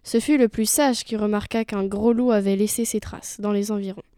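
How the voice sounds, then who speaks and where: A woman reading a fairy tale aloud in a clear, measured storybook style. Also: medium pitch, steady tone, mellow, no echo, clean studio sound. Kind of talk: storybook narration.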